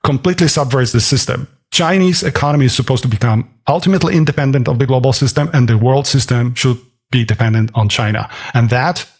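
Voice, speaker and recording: Podcast guest, man from Switzerland, gravelly, analytical, mid-pitched. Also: quick pace. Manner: dense, analytical, many restarts. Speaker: guest, author and portfolio manager. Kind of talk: podcast interview.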